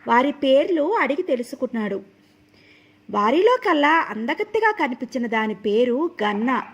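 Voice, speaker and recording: A woman storyteller reading a folk tale aloud in a steady, expressive storybook manner. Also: high voice, moderate pace, breathy edge.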